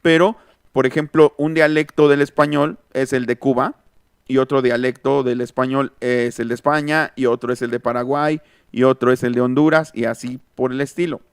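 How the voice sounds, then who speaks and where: A man with a Mexican accent gives an online linguistics lesson, thinking aloud and stopping to read out and answer students' comments. His voice is smooth and resonant. It is recorded close and dry, with no room sound. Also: mid-range voice, steady tone, normal speed, dry recording. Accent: Mexican Spanish. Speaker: linguistics teacher. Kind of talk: online lecture. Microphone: close mic, online class.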